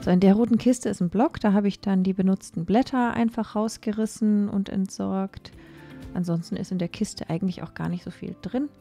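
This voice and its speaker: Mellow-voiced woman chatting over music. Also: mid-range voice, fairly even intonation, creaky. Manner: chatty, with many fillers and pauses. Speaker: cleaning vlogger. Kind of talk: casual voice-over narration.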